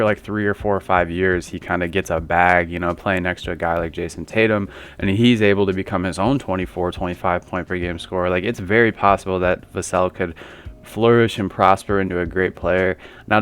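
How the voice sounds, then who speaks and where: This basketball commentary host rambles casually through viewers' takes, leaning heavily on fillers, in a low voice that is a bit bright and clean in tone.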